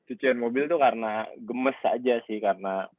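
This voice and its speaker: A man's voice: medium pitch, normal speed, no room sound. A man who owns a car wash, chatting casually in an interview over a call and rambling with plenty of fillers. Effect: heard over a phone line. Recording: narrow tinny phone-like sound, dry.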